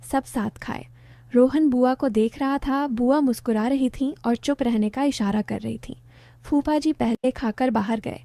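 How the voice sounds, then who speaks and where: Woman storyteller: even narration, mellow tone, dry close mic. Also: fairly high pitch, vocal fry, no room sound.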